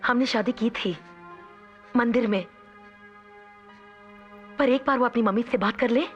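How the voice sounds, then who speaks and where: A tender young mother, as an actress plays her, speaks in a soft, hushed, consoling way, with a fairly high voice. The dialogue comes from a muffled film soundtrack. A faint musical score plays beneath her. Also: measured pace, soft background music, close to an everyday voice. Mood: soothing. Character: gentle young mother soothing her son.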